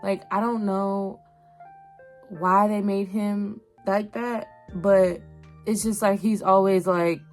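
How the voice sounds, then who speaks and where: This YouTube host, a young adult woman, talks through an animated series in lively, conversational commentary, leaning on slang and repeated phrases for emphasis. She speaks slowly in a mid-range voice, with background music behind her.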